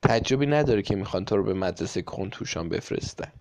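A man voicing an eager, excited schoolboy in a storybook reading, with a gravelly voice. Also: fairly low pitch.

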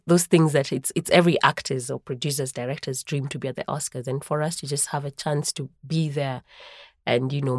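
A woman's voice: low voice, darkish tone, no room sound, studio quality. A young Kenyan woman in the film business, telling her story in an eager, exclaiming way. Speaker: film actor and producer. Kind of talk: casual interview.

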